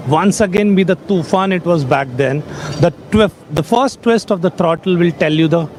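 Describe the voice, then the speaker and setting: A man's voice: sits high, normal speed, a little mellow. A man with an Indian accent answering as an attendee in a short vox-pop interview. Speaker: event attendee being interviewed. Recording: faint outdoor traffic noise.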